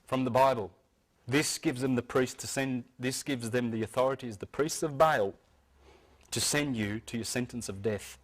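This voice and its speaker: A man speaks to a live audience in an informal, insistent lecture. He often stumbles and doubles back on his words, then presses on. His voice sits at a middling pitch. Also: normal speed.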